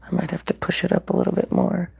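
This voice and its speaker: A woman's voice: lowish voice, completely flat delivery, quick pace, gravelly, dark tone, a little hiss or hum. A woman hosting a casual live-stream at home, cooking and eating at a griddle, reading viewer comments aloud and often dropping to a whisper. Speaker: live-stream mukbang host. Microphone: computer mic.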